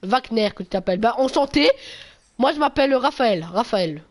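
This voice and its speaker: A male streamer, chatting casually with viewers during a live game, full of slang and swearing, with sudden loud yelps. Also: very high-pitched, animated, normal speed. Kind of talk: casual gameplay livestream chat.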